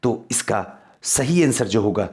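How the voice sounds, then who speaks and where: A man with a fairly low, a little mellow voice teaches an exam quiz lesson as a history teacher coaching for civil service exams. He reads out the questions and repeats key answers for emphasis, unhurried, with lively intonation.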